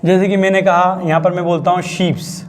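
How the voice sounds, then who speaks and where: A chatty male grammar teacher. His voice sits high for a man. He explains rules patiently and keeps asking if the class is following, with a faint hiss of noise behind him. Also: flat delivery, brisk. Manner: chatty, repeatedly asks students if they understood.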